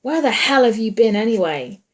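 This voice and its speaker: A woman's voice: mid-range voice, measured pace, lightly acted. A woman voicing a tense young male cop who barks urgent orders. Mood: shouting. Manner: urgent, loud, barked orders.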